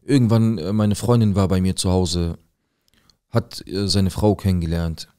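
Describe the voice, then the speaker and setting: A man with a deep, low-pitched voice tells a true story from his own life in a loose, conversational way. His speech is blunt and full of street slang. He acts out the other people's lines as he goes. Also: steady tone, normal speed, mellow, smooth. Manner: street slang, plain and direct; acts out quoted lines in the tale. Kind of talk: casual first-person storytelling.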